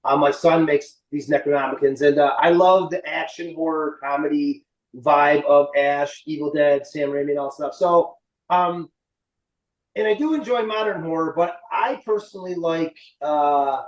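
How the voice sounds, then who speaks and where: A man's voice: fairly high pitch, normal speed, lo-fi sound. A man in his late forties giving a rambling, informal interview as a guest filmmaker. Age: late 40s. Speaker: interview guest, indie film writer and director. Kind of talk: casual interview chat. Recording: roomy echo, slightly distant mic.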